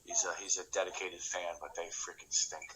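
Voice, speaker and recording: A man's voice: sits low, little pitch movement, brisk, bright, forceful tone, rough recording. A man co-hosting a casual draft-watching chat on a video call, joking and teasing the others. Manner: joking, wisecracking. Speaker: co-host.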